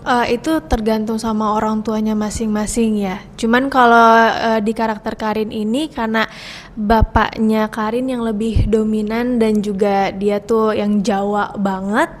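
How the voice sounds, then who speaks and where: A woman speaking as an actress guest in a casual interview, thoughtful and pausing with fillers. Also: fairly high pitch, level tone, long reverb tail.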